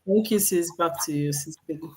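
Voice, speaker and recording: Woman guest, friendly, brisk self-intro. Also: fairly low pitch, a little hiss or hum. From Nigeria. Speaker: panel guest. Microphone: video call.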